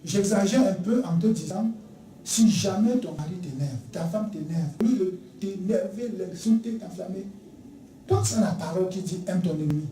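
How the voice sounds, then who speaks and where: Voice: mid-range voice, normal speed, dark tone, recorded from a distance, a little hiss or hum. A preacher delivering a sermon emphatically, repeating key phrases and acting out little dialogues. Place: church sanctuary. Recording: echoey church recorded from afar.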